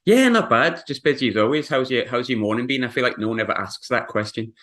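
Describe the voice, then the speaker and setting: A man's voice: mid-range voice, steady tone, fast talker, a bit bright. A man, hosting a podcast interview in a conversational way. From North East England. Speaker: podcast host.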